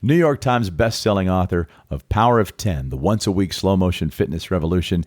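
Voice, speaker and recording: A man's voice: deep voice, lively intonation, a little fast, a little mellow, no echo. A man hosting a casual fitness podcast, upbeat, introducing guests and laughing often. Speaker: podcast host.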